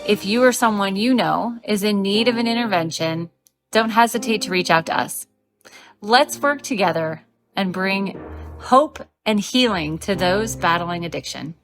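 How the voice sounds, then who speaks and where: A woman reading a scripted sponsor advertisement in a smooth, promotional way. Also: medium pitch, moderate pace, fairly bright tone, faint music behind. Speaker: ad announcer. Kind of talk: read commercial.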